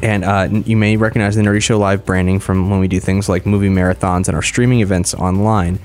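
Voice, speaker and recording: A man's voice: low-pitched, little pitch movement, fast talker, faint music behind. A man hosting a podcast in casual chat, articulating through a mouth that does not open wide after dental work. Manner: restricted articulation from barely opening mouth. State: mouth sore after wisdom teeth removal. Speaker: podcast host.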